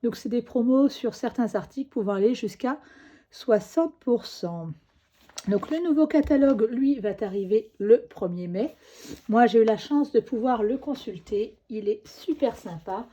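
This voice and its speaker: A woman with a cold talks her way through a crafting tutorial, coughing now and then and dropping fillers like "hop" and "euh" as she works. Her voice is a little high and dark in tone, at a normal speed.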